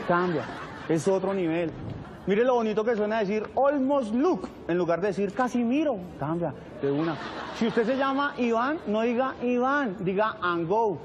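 A brash comic small-town comedian. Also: male voice, high voice, animated, moderate pace, a crowd in the background, background noise. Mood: boastful. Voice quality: brash, joking, shifts to silly baby talk. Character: boastful comic middle-aged male rural comedian. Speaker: stand-up comedian character. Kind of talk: comedy film acting.

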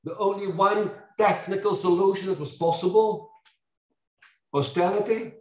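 An older man from Belgium giving an academic lecture, animated and ironic, with mocking asides and sudden loud outbursts. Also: sits high, moderate pace. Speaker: university lecturer. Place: lecture hall. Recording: echoey hall from far off.

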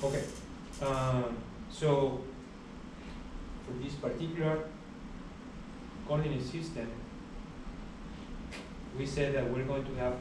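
A young man giving a university lecture in a large hall, explaining steadily with many pauses and uh fillers. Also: medium pitch, fairly even intonation. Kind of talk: classroom lecture. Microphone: far camera at the back of the room. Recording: echoey hall recorded from far off, background hiss.

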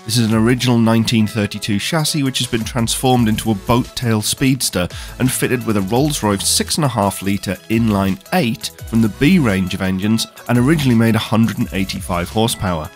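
A car show presenter with a fairly low voice delivers a scripted voice-over about the cars on display, speaking fairly quickly with enthusiasm and know-how. Faint music plays in the background.

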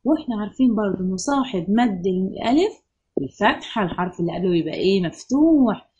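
A woman's voice: mid-range voice, warm tone, husky, muffled recording. Egyptian woman teaching children phonics. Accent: Egyptian Arabic. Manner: question-and-answer drilling, stretches out example words. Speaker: primary school Arabic teacher.

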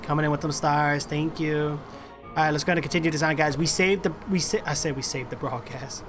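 The voice is on the high side, steady in tone and fast. It belongs to a man in his thirties doing casual, slangy live-stream chat while gaming, chummy with viewers like a gamer bro, in an indoor room at a streaming setup with background music.

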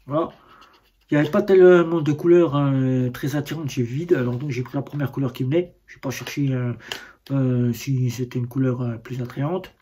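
Un homme à l'français au timbre légèrement voilé commente un déballage sans préparation. Ses phrases sont hésitantes et pleines de reprises, sur un ton décontracté. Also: male voice, medium pitch, fairly even intonation, normal speed, warm tone, slightly rough. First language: French. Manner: hesitant, many fillers and restarts. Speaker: vlogger reviewing a bank card. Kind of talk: casual unboxing talk.

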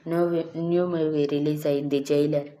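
A woman voicing a relaxed young man who coaxes and advises his cousin. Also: deep voice, moderate pace, lightly acted. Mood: coaxing. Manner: relaxed, coaxing. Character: easygoing protective young man.

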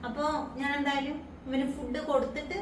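Lady vlogging at home, high voice, hiss and room noise in the back. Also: steady tone, brisk, reverberant, far from the mic. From Kerala. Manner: soft-spoken explaining, then loud playful scolding. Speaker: vlogger caring for a child. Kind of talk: casual home vlog narration. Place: home at night.

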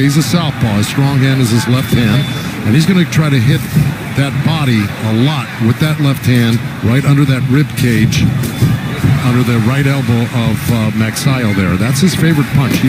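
A man with a mid-range voice analyzes a live boxing match. He sounds folksy and conversational, with very loud arena noise behind him. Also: mid-range voice, moderate pace. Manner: folksy, conversational, asking tag questions. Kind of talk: live sports commentary. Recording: very noisy arena broadcast.

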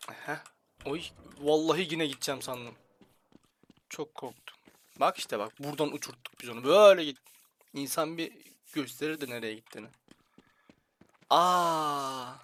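Young turkish guy on a headset doing a let's play, bright voice, grumbles and jokes, yells at doors sometimes. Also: a little high, brisk. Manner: joking, grumbling at the game, bursts of loud outcries. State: slight headache. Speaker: gaming YouTuber. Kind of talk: casual let's-play commentary.

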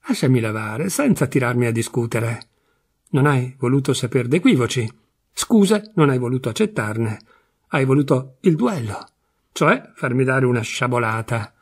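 A man's voice: mid-range voice, lively intonation, moderate pace, breathy edge. A man reading as a sly, sardonic husband. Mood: irritated. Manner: sardonic, teasing, half-mocking. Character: sly, weary middle-aged husband, ironic. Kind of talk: literary audiobook reading.

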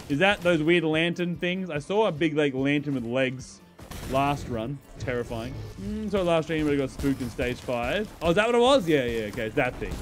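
A man giving casual gameplay commentary as a streamer, excitable, swearing and laughing as he talks to his chat. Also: on the high side. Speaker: gaming YouTuber and streamer.

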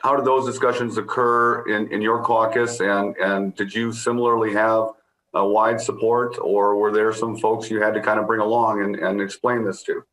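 A middle-aged man moderating a panel over a video call, asking polite, measured questions. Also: fairly low pitch, little pitch movement, fairly bright tone. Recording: echoey room.

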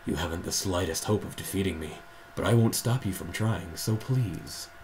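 A man putting on the voice of a taunting female sorceress villain, low and hushed. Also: moderate pace, a little hiss or hum. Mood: menacing.

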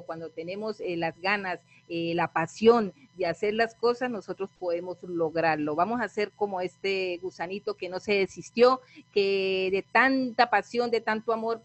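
A woman trainer giving a motivational training talk, telling a story in a lively way and often adding quick tag questions. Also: medium pitch, no room sound. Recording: dry, slightly dull lo-fi audio.

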